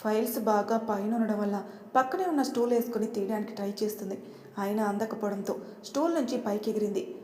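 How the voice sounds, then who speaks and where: Mellow woman narrating a story in an echoey room. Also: medium pitch, fast. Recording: roomy with long reverb.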